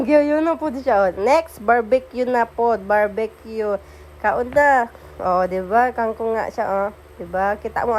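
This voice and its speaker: A woman's voice: on the high side, a little mellow. A young adult woman chatting playfully through an unboxing and taste-test vlog, teasing her partner on camera. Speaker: vlogger.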